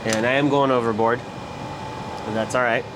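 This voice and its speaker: An electronics repair technician with a medium-pitched voice narrates casually at normal speed, talking step by step through what he's doing as he works. A steady fan-like noise runs in the background.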